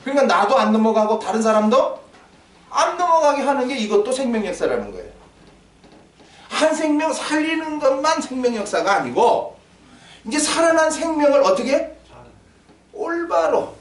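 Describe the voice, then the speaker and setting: Male pastor, high animated sermon voice, echoey church from a distance. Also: normal speed, long pauses. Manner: animated, acts out little dialogues, quizzes the congregation. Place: church sanctuary. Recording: echoey hall, mic from a distance.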